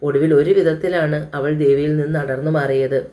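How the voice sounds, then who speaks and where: A woman storyteller giving a calm, even, scripted narration of an audio love story. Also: sits low, brisk.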